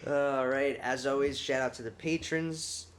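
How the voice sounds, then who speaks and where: A man's voice: medium pitch, fairly even intonation, a little slow, slight background noise. A man hosting a casual podcast, talking loosely and joking, swearing now and then. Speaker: podcast host.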